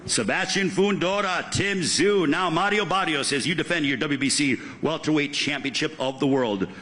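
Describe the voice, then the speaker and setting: A man's voice: a little high, moderate pace, bright, forceful tone. A man hosting a boxing press conference like a fight promoter, with polished, punchy delivery and emphatic names and titles.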